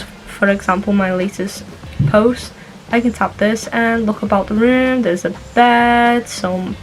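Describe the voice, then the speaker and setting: A woman's voice: medium pitch, slight background noise. A young woman giving a casual tutorial in an informal, chatty way, with asides. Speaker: vlogger. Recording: music playing behind the voice. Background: background music.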